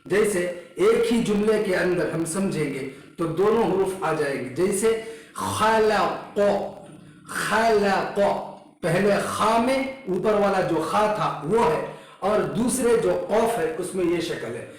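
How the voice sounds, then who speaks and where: A high-voiced man teaching the letters of Quran recitation at an unhurried pace. He explains where each sound is made and repeats the letter again and again for learners. The recording carries a heavy echo from the room. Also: animated. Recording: very echoey room.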